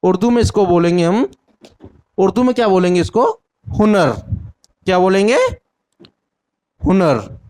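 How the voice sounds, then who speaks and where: A man's voice: high voice, a little slow, pauses often, a little mellow. A man teaching an exam-prep Hindi lesson, asking questions and answering them himself while repeating the key words. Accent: Indian Hindi.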